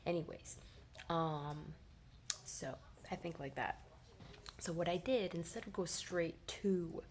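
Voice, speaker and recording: A woman's voice: creaky, a little hiss or hum. A young woman in her twenties telling a personal story in a casual, rambling way, often dropping into a whisper and filling gaps with "you know". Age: 20s. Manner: animated, rambling, frequent fillers like "you know"; drops often into a low whisper. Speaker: vlogger.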